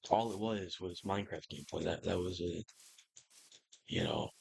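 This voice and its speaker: A man's voice: deep voice, wildly swooping pitch, normal speed, creaky, husky, poor audio. A young man chatting casually and rambling over his gameplay, swearing now and then. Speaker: gaming YouTuber. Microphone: computer microphone.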